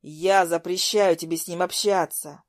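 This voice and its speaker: A woman voicing a domineering, cold young man who speaks low and sternly in a raised voice. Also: normal speed, dry recording, clean studio sound, lightly acted. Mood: cold, threatening.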